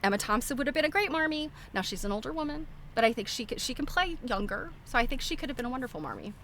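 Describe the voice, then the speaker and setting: On a live internet stream, a middle-aged woman host offers rambling, opinionated film talk in an informal way. Her high voice is expressive, fast, and fairly bright, with a little hiss or hum in the background.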